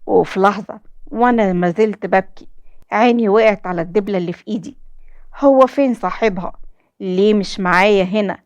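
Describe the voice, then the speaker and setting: A young woman with an Egyptian accent tells a dramatic story in the first person, her delivery emotional and heartfelt. Her pitch sits in a middle range for a woman. The recording is dry and close, with no room sound. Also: a little fast, no room sound. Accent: Egyptian Arabic.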